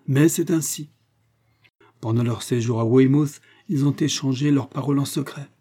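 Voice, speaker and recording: A man voicing Madame Weston, a kindly, troubled middle-aged woman, with a dark, husky voice. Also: medium pitch, lightly acted.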